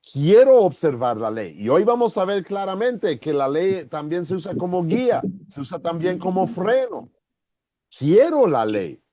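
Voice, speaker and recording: A male pastor leads an online Bible class, speaking slowly and deliberately. His voice is mellow and swoops up and down as he acts out small scenes. The sound is dry and close. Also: no echo. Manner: slow, deliberate teaching with lively pitch and acted-out examples.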